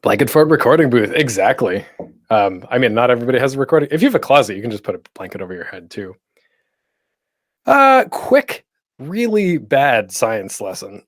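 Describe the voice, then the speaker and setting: This panel host's casual tutorial rambles along conversationally, peppered with self-deprecating humor and geeky jokes. His mid-range voice is recorded dry, close up on a microphone with a pop screen.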